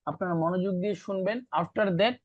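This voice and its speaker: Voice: medium pitch, fairly even intonation, a little fast, no room sound, lo-fi sound. A teacher giving an online language class, repeating practice syllables and mixing in English words. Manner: repeats drilled syllables, code-mixes English. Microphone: video call.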